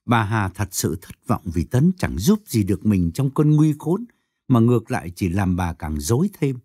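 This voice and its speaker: A man narrating a story aloud in an expressive storytelling manner. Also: normal speed, breathy edge, no room sound, studio quality. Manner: expressive storytelling with swooping pitch.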